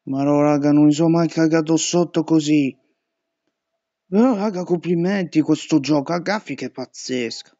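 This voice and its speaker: A young gaming YouTuber commentates a horror game, panicking, swearing, and shouting at every jumpscare. His voice is fairly high-pitched at a moderate pace, in a dry recording with the highs cut off.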